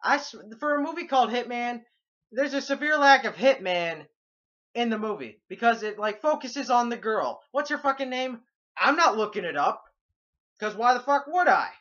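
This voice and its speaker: A young man ranting sarcastically through a movie review, swearing constantly and breaking into loud outbursts. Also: extremely high pitch, animated, normal speed, muffled recording.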